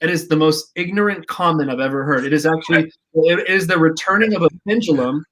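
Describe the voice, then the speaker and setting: A man's voice: a little high, fairly quick, fairly bright tone, slight background noise. A man being interviewed as a guest, speaking passionately and emphatically, with a preachy edge. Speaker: guest, energy healing practitioner. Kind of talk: casual interview.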